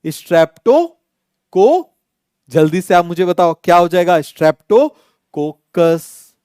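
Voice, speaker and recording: High-voiced Indian teacher drilling students. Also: male voice, flat delivery, brisk, darkish tone, clear, resonant tone, no room sound. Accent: Indian English. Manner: drills students with repeated call-and-answer questions. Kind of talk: online exam-coaching lecture.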